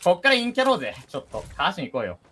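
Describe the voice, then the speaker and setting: A man tears through a match with a teammate, rough-mouthed and quick to shout at enemies. His pitch jumps wildly between low mutters and sharp yells. Game noise runs loud underneath. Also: huge pitch swings. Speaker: gaming channel host. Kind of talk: casual gameplay chat with a teammate. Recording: noisy game audio behind.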